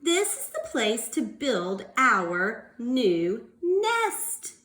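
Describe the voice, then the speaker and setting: Bossy, dissatisfied mother-bird type, female reader, storybook style: high, swooping, emphatic complaints. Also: big pitch swings, drawn-out words, fairly bright tone, roomy sound, full character voice. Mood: decided, bossy. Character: fussy, discontented, bossy female bird wife. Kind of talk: storybook read-aloud for young children.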